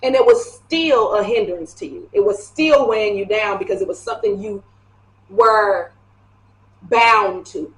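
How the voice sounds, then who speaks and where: A woman giving a casual tarot reading to camera, chatty and animated, laughing often as she talks. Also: medium pitch, a little slow. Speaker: tarot reader. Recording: echoey room.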